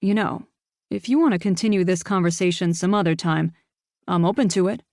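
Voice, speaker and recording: Woman reading young male cop, deadpan teasing, lowish voice, dry close sound. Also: brisk, no echo, close to an everyday voice. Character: young male police officer, calm and teasing.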